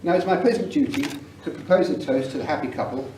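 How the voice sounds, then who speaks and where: Speaking fast in a high, darkish voice, a middle-aged man with an English accent gives a funny wedding speech as the bride's father. It was recorded from a distance at the event, so the sound is roomy and noisy.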